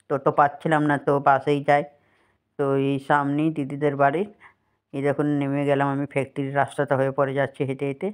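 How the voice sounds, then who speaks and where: Casual family vlogger; walk-and-talk commentary on a phone, chatty and pointing things out. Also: medium pitch. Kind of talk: casual walking vlog commentary. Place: outdoors, walking through a village, fields and a house.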